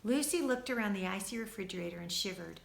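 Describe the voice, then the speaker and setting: A woman teacher reading a storybook aloud to children, expressive and speaking to them directly. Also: medium pitch, fast talker, vocal fry, echoey room.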